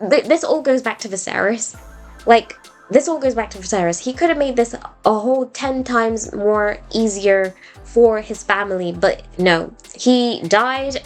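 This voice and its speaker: A woman hosting a podcast, recapping and critiquing a TV episode in a chatty, opinionated way, full of fillers and quick acted-out quotes. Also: mid-range voice. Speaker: podcast host. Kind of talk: casual TV recap and commentary.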